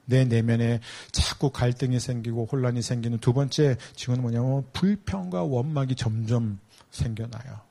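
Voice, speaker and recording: Male pastor giving a sermon, lively, keeps asking the crowd questions. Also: medium pitch, creaky. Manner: animated, rhetorical questions to the congregation.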